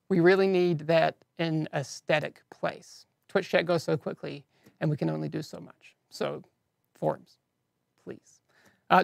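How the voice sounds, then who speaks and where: A man with a heavily gravelly, fry-laden voice and an accent hosts a live game-news stream. He talks casually to chat in a dry, close-sounding room, slipping in self-deprecating asides between updates. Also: high voice, no room sound. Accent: non-standard English accent, teased by viewers.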